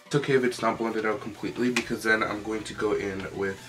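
Young guy doing a chatty makeup tutorial, kinda low voice, music playing behind him. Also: steady tone, fast talker. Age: young adult. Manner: chatty, informal, often says "like". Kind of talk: casual makeup tutorial chat.

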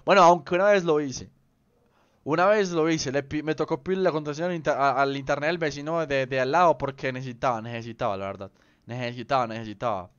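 A man's voice: mid-range voice, fast talker, a bit bright, clear, resonant tone, no room sound. A young man chatting casually with viewers on a game livestream, playful and rambling, full of slang. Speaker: streamer. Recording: slightly dull lo-fi stream audio.

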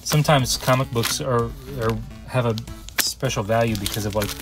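A man's voice: medium pitch, normal speed. Casual hyped guy co-hosting a flea market vlog, music going under. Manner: enthusiastic, casual. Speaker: co-host. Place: indoor flea market shop.

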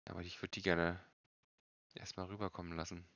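A low, creaky male voice with a bright edge, a man in his thirties streaming from home. He mutters casual game commentary in short phrases, and the sound is slightly dull. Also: level tone, a little fast, no room sound.

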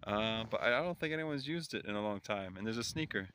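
On a solo hiking vlog, a man speaks quickly into a handheld phone or camera as he walks through windy, open mountains, his fairly low, fairly bright voice rising and falling with lively intonation. He chats casually, exclaims in wonder, and chuckles often. Clicks and outdoor noise fill the recording.

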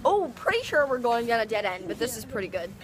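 A woman's voice: a little high, big pitch swings, fast, crowd noise. A young woman in her late teens chatting casually and bubbly to a handheld camera, giggling often and saying "like" a lot. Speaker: vlogger. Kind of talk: casual vlog chat. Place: outdoors in cold weather and in a car.

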